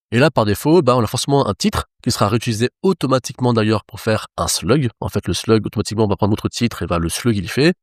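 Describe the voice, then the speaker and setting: Male trainer, low voice, dry close sound, talks viewers through each step. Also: no room sound. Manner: explains step by step, addressing viewers directly. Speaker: web development trainer. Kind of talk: screen-recorded coding tutorial.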